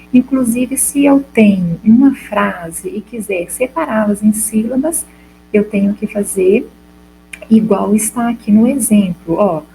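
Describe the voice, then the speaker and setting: A Brazilian woman teacher talks through a recorded school lesson in a relaxed, mellow voice. She keeps asking the class questions and answering them herself, patient and explanatory. A faint hum sits under the recording. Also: mid-range voice, low-quality recording. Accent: Brazilian Portuguese.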